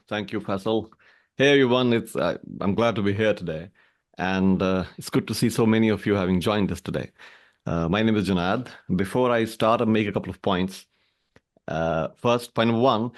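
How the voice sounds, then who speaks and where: Male tech panelist, lowish voice, orderly point-by-point delivery, informal introduction on a call. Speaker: guest panelist, technologist. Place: online video call.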